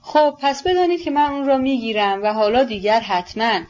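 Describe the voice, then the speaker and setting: A proud, anxious young man, voiced by a woman reading a novel aloud. He scoffs and mutters defensively in a fairly high voice. The recording is dull and lo-fi. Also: fairly even intonation, a little mellow, close to an everyday voice.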